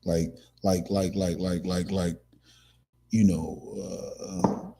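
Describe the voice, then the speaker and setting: A man's voice: low voice, level tone, extremely slow, vocal fry, warm tone, breathy edge. A man hosting a casual commentary talk, rambling with many restarts and fillers. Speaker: podcast host.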